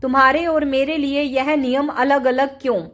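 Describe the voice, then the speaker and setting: A woman voicing a sharp-tongued sister-in-law. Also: high-pitched, little pitch movement, moderate pace. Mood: taunting. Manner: taunting, accusing. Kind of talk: storybook reading.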